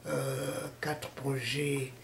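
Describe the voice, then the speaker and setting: A man from the Democratic Republic of the Congo with a Congolese French accent, answering interview questions haltingly, with many fillers and restarts. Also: medium pitch, level tone, creaky. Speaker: interviewee, political party founder. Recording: echoey room with faint noise.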